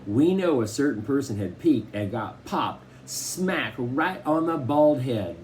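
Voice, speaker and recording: A man narrating a novel in first person with expressive storytelling. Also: mid-range voice, unhurried, a little hiss or hum. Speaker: audiobook reader.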